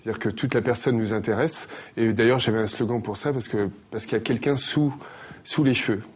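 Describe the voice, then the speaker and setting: A man with a mid-pitched voice answers as a guest in an interview. He explains things conversationally and hesitantly, often feeling for the right word. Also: fairly even intonation, a little fast, a little mellow, breathy edge. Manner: hesitant, searching for words. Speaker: guest, hairdresser.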